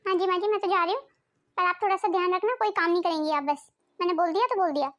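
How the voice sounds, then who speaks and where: A woman's voice: extremely high pitch, fast, fairly bright tone, muffled recording. A woman voicing a caring, dutiful young daughter-in-law in a family cartoon, sweet and eager.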